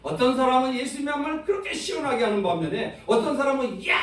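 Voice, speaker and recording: A man's voice: very high-pitched, quick pace. A man preaching a sermon as pastor, asking his congregation questions and acting out voices. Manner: animated, asks the congregation questions, acts out voices. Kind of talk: sermon with congregation call-and-response. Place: church sanctuary. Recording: very echoey church hall, from far off.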